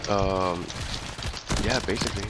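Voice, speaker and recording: A man with a fairly low voice tells a long, rambling story over voice chat, his talk full of "like" and swearing. Clear gunfire and clicks from the game run behind him the whole time. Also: fairly even intonation, a little slow, noisy background. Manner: rambling, profane, full of fillers and restarts. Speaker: gamer chatting with a friend. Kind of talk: casual chat while playing a shooter game.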